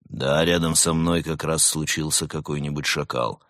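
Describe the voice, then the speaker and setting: Low-voiced male reader as a curt, cool snow leopard spy, husky and deadpan, dry studio sound. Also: normal speed, dry recording. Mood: curt, sardonic.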